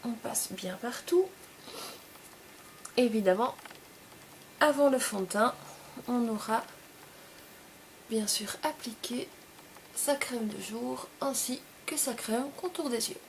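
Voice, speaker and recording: Young woman doing a makeup tutorial, kinda high voice, talks in little steps, faint hiss behind. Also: slow, long pauses. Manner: gentle, explanatory, speaks in short phrases. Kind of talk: casual step-by-step makeup tutorial.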